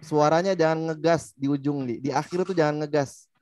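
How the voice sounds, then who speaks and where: A man's voice: a little high, steady tone, moderate pace, darkish tone, no echo. A man with an Indonesian accent teaching Quran recitation, patiently explaining and modeling sounds. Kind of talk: online tajwid lesson.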